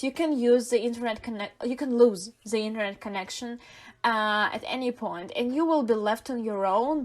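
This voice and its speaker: A native Russian speaker with a Russian accent co-hosts a podcast in casual conversation. Her voice is a little high, and she's thoughtful, pausing and using fillers as she searches for words.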